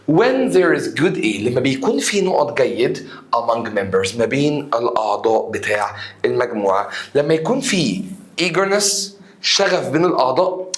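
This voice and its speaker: A man with an Egyptian Arabic accent teaching an English exam review, asking the students rhetorical questions and answering them with emphasis. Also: mid-range voice.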